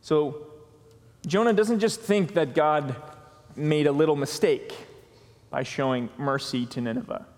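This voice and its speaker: A man delivers a sermon from the pulpit, taking his time and leaning on each key word. His voice sits a little high for a man. Long reverb from the church hall trails after his words. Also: darkish tone. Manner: slow, deliberate preaching with emphatic pauses. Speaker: pastor. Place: church sanctuary.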